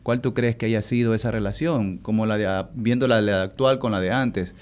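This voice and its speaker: A man's voice: fairly low pitch, fairly even intonation, moderate pace, smooth. A man co-hosting a talk radio show, asking long questions with many restarts. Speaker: co-host.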